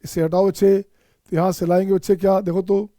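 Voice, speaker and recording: A man's voice: high-pitched, flat delivery, fairly quick, warm tone, no room sound, studio quality. A man from India teaching math in an online exam-prep lecture, mixing Hindi and Indian-accented English and coaxing his students, whom he calls children, to solve each step themselves.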